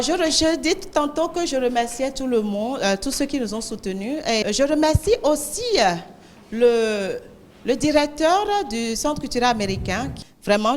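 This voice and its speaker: A woman from Benin, animatedly hosting a televised language contest and speaking straight to the audience. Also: mid-range voice. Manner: animated, addresses the audience directly. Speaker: event host.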